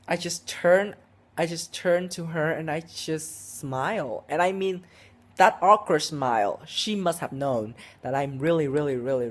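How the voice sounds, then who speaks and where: A sixteen-year-old boy tells a casual vlog story, rambling and restarting, with lots of "like" and "um". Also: on the high side. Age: teenager, 16. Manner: rambling, heavy with "like" and "um", frequent restarts. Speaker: vlogger.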